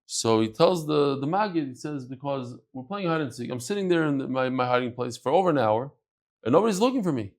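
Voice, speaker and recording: Speaking at a medium pitch, a little fast and full of expression, a man runs a daily Talmud class. He mixes Aramaic and Hebrew terms into his English, asks questions only to answer them himself, and performs the voices of those in the text.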